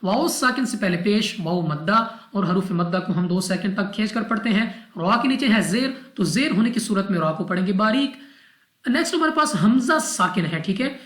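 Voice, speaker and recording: A woman's voice: mid-range voice, expressive, normal speed, fairly bright tone. A woman from Pakistan teaching Quran recitation rules, methodically repeating each rule step by step. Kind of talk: tajweed lesson explanation. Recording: roomy echo.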